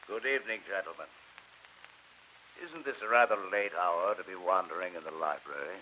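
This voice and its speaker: An actor playing a brooding, bitter submarine captain in an old radio drama, speaking formally and deliberately with theatrical courtesy. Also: male voice, sits low, background noise, lightly acted. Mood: coldly courteous. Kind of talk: 1940s radio drama acting. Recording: old radio recording, loud organ music behind.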